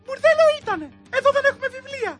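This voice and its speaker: A performer voicing a defiant, shrill student occupying a school in a comedy sketch. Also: very animated, fairly bright tone, soft background music, exaggerated voice. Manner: shrill, chanting slogans.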